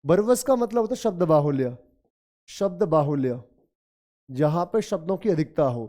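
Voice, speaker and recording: A man's voice: fairly high pitch, expressive, normal speed, warm tone. A middle-aged man with a Hindi accent teaching an English vocabulary lesson. He calls his students children and repeats key words several times. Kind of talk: classroom lesson explaining vocabulary.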